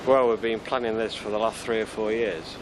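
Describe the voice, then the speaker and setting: A man in a store manager's role, giving measured, businesslike answers in an interview. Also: lowish voice, steady tone, noisy background.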